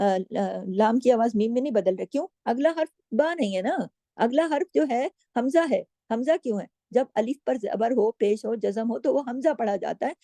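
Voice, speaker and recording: A woman teaching Quran recitation rules to female students, explaining each letter patiently and drawing out the recited words slowly. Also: a little high, mellow, dry recording. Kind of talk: tajweed lesson.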